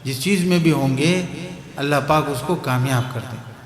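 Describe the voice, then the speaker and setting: A man's voice: on the high side, roomy sound, big-room sound. A Pakistani man with a Pakistani Urdu accent giving a sermon at a religious gathering, telling parables, repeating key phrases and checking whether the crowd understands. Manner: keeps asking the crowd if they understand. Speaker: guest preacher.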